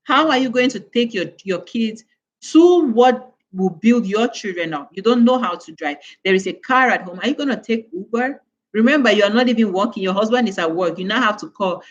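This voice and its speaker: A woman's voice: medium pitch, animated, fairly quick. A woman from West Africa giving an earnest motivational talk to mothers on a live stream, full of rhetorical questions. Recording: dull, lo-fi sound.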